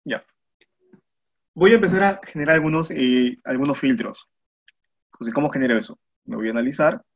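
A man's voice: mid-range voice, normal speed, vocal fry. Peruvian man explaining spreadsheets step by step. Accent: Peruvian Spanish. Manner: patient step-by-step explaining, asks "¿no?" and "mira" often. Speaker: spreadsheet instructor. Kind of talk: screen-recorded software tutorial. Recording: muffled lo-fi voice recording.

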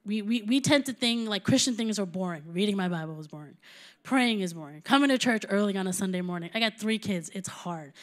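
A woman's voice: mid-range voice, animated, fairly quick. A woman in her thirties preaching a sermon, talking conversationally and building to emphatic points.

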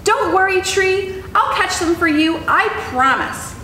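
Woman voicing an anxious, high-pitched little fox. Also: expressive, measured pace, bright, forceful tone, exaggerated voice. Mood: earnest, worried. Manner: earnest, pleading, exclaiming. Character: anxious, earnest young male fox, devoted to his tree. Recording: roomy echo, clear background noise.

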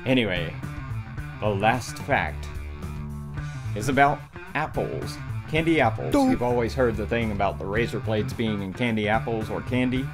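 With guitar music behind him in a small, dark room, a middle-aged man casually hosts a video game show to camera, playing up mock horror-host touches. His voice sits lowish and he talks at a normal speed.

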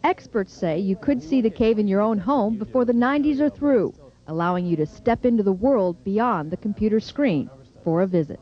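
A woman's voice: medium pitch, moderate pace. Woman reporter on old broadcast tape. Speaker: TV news reporter. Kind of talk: scripted news voice-over. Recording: muffled early-90s broadcast tape.

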